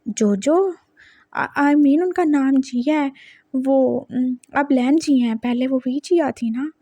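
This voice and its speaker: A woman's voice: high voice, slow pace, dark tone, dry recording, heavily acted. A woman voicing a nervous, polite young man who answers hesitantly and apologetically in a spoken story. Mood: confused.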